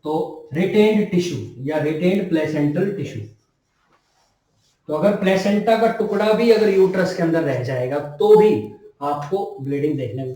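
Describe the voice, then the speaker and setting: A man's voice: on the high side, mellow. A man teaching nursing students in a lecture, repeating key terms and asking and answering his own questions. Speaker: nursing tutor. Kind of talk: classroom lecture. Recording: echoey room, distant mic.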